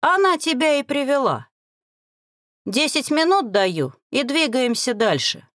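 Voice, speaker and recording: A woman voicing a gruff, commanding bearded man who leads a band of kidnappers in a storybook. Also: sits high, sing-song, unhurried, a bit bright, no room sound, studio quality, pitched above the performer's own voice, heavily acted. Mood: curt. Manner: curt, commanding.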